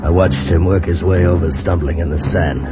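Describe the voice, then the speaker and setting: A man with a low, steady voice plays Johnny, a haunted adventurer narrating his desert ordeal, in a 1950s old time radio drama mixing first-person narration and dialogue. Lightly acted and at a moderate pace, his tense, hushed narration with urgent speech erupts into desperate cries, on a muffled old radio recording with music beneath.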